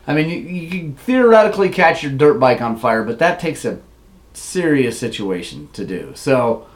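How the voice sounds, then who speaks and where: A man's voice: medium pitch, big pitch swings, moderate pace. A man hosting a casual livestream who rambles through a story, laughs often and reads viewer comments aloud. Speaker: livestream host.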